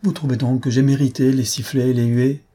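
A man's voice: mid-range voice, flat delivery, brisk, warm tone, breathy edge, natural voice. A man reading aloud and voicing a distraught young woman actress, speaking in a raised, indignant way.

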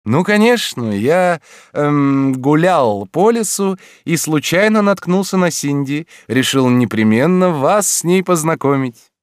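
A man's voice: on the high side, animated, a little slow, clear, resonant tone, dry recording, clean studio sound, pitched above the performer's own voice. A man voicing a dreamy, eccentric middle-aged male art teacher who drawls each word blissfully.

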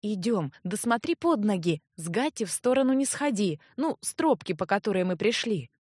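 A woman's voice: medium pitch, expressive, normal speed, a little mellow, husky, no echo, studio quality. A woman voicing a practical woman herbalist in an audiobook, speaking in a matter-of-fact, instructing way. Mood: instructive.

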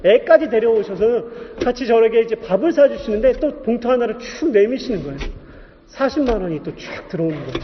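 A man in his thirties, a pastor preaching a testimony, telling his story in an animated way and acting out the voices in it. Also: very high voice, a little hiss or hum. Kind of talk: sermon testimony. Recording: dull echoey hall recording.

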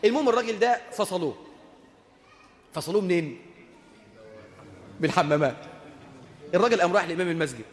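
A man's voice: high-pitched, animated, fast, long pauses, long reverb tail. A man with an Egyptian Arabic accent preaching a sermon, telling a story with humor and asking the audience rhetorical questions.

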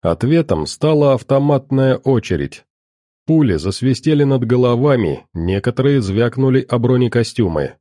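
A man giving steady scripted audiobook narration of an action story. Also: medium pitch, moderate pace, no room sound, studio quality.

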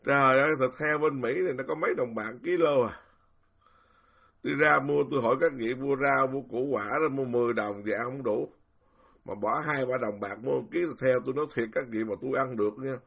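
A man's voice: mid-range voice, fairly quick, creaky, fairly bright tone. An older man, a Buddhist monk with a Southern Vietnamese accent, giving a casual and indignant dharma talk. He rambles, repeats words and breaks into laughter.

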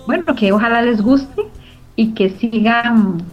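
A middle-aged woman with a Costa Rican Spanish accent talks slowly in a fairly high voice. She's being interviewed as a co-founder of a community radio organization and answers earnestly and with emphasis, repeating phrases to stress them. The audio is lo-fi and muffled, with background music.

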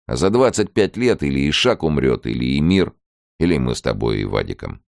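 A blunt, one-armed police chief, as a male audiobook reader puts him on. His voice sits a bit above the reader's very low, gravelly tone, with lively shifts in pitch. It is recorded close and dry. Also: brisk, no room sound, heavily acted. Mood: earnest.

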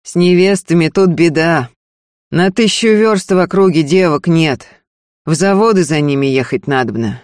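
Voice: mid-range voice, moderate pace, a little mellow, no echo, clean studio sound, natural voice. A reader voicing a blunt, stubborn young hunter in an audiobook. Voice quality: terse, unsmiling. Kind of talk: audiobook character voice.

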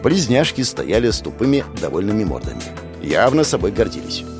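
Expressive male audiobook narrator. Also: on the low side, fairly quick, music in the background. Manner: expressive, wry, voices all the characters. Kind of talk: first-person audiobook narration.

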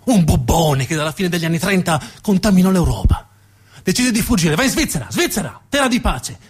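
Building his theatrical narrative monologue on repeated phrases, this actor and storyteller delivers it dramatically and with emphasis. His voice sits high and is slightly rough, with a sing-song lilt and a little fast pace.

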